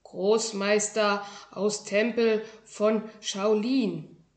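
A woman voicing a tiny, cocky male kung fu master who speaks slow, emphatic broken German. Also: mid-range voice, steady tone, a little mellow, echoey room. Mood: boastful.

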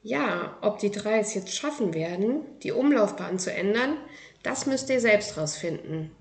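Calm woman presenting children's books. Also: medium pitch, a little slow. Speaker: book presenter. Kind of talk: book review and reading aloud.

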